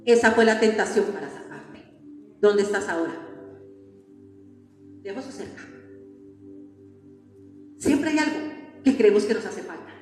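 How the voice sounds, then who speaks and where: A woman's voice: medium pitch, lively intonation, a little slow, pauses often, a little mellow, faint music behind. A woman preacher, delivering a sermon and firing repeated rhetorical questions at the congregation. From Colombia. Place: church hall. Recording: echoey church hall with long reverb.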